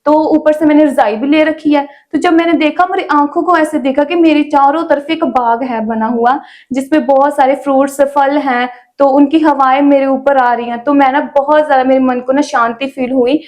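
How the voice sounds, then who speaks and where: A young woman telling her personal faith testimony in a relaxed, chatty interview, with many small fillers. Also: high voice, normal speed. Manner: chatty storytelling with frequent "ना" fillers. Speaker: guest sharing her testimony.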